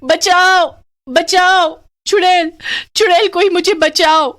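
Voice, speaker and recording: A woman voicing a greedy, excitable young wife whose voice goes shrill. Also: moderate pace, no room sound, clean studio sound. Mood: terrified.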